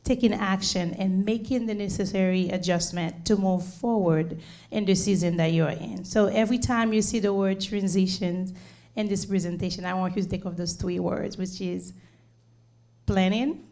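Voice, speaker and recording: Speaking in a warm, steady, mid-range voice at a moderate pace, a middle-aged woman from Haiti presents earnestly to her community. She is a nurse and home care leader with a Haitian accent, and her talk is full of "um"s and repeated words.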